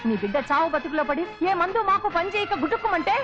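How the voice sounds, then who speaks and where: An actress playing a scheming, sharp-tongued middle-aged mother who curses and scolds. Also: very high voice, expressive, fast talker. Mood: bitter scolding. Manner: scolding, cursing, melodramatic. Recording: dull film audio with music.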